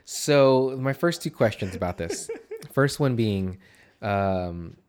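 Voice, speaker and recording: A man's voice: lowish voice, expressive, takes it slowly, a little mellow. A man with a nasal voice chatting casually as the co-host of a movie podcast. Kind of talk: casual movie discussion, swearing.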